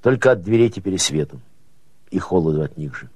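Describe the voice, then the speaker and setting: A man narrating prose as an audiobook, with expressive folksy storytelling rhythm. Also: low-pitched, a little fast, breathy edge, dry recording.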